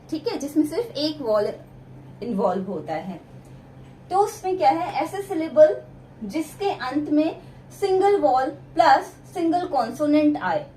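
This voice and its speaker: A woman's voice: high voice, a little mellow, roomy sound, a little hiss or hum. A woman teaching English grammar for exam preparation, explaining step by step and asking the class questions as she goes. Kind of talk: exam-prep lesson.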